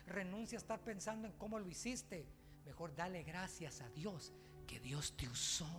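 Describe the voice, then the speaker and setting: A man preaching a sermon as pastor, emphatic, swinging from hushed asides to loud, forceful peaks. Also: sits high, in a large hall.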